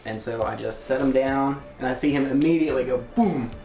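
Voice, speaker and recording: A man's voice: mid-range voice, brisk, gravelly, warm tone, faint music behind. Chatty man in an echoey room. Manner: chatty, laughing between phrases. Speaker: interviewee, tape collector. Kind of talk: interview storytelling.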